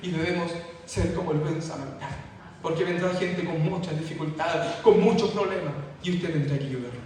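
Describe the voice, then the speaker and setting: High-voiced male pastor in echoey hall. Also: brisk, darkish tone. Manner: fervent, repetitive preaching with rising emphasis. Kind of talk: sermon. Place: church hall. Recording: echoey hall from far off, faint noise.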